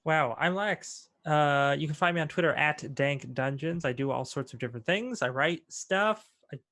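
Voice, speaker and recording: A man's voice: fairly high pitch, normal speed, bright, forceful tone. A man playing in a tabletop game, talking in a breezy, playful way. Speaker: player. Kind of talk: casual tabletop play.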